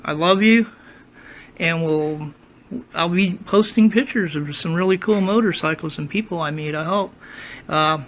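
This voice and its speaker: A man's voice: fairly high pitch, measured pace, fairly bright tone, rough recording. An older, retired man talks in a casual, folksy, devout ramble, his words slightly slurred with no dentures in. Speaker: motorcyclist video blogger. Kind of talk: casual morning vlog. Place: at home while getting dressed.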